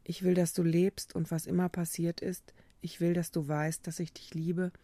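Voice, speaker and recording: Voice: mid-range voice, little pitch movement, normal speed, warm tone, no echo, lightly acted. A storyteller voicing a frightened woman pleading with the man she loves in a storybook reading. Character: frightened woman, desperate and loving.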